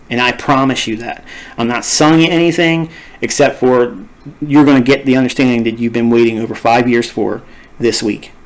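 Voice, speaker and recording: This screen-share trading lesson is roughly recorded, with a man of medium pitch doing the teaching. He's emphatic yet weary, his voice trailing off, and he circles back repeatedly in a rambling way.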